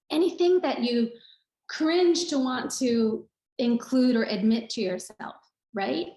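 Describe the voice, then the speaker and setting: In an online talk with screen share, a woman speaks earnestly about yoga, repeating phrases for emphasis the way a teacher would. Her voice is a little high with a darkish tone, and the recording is reverberant and rough.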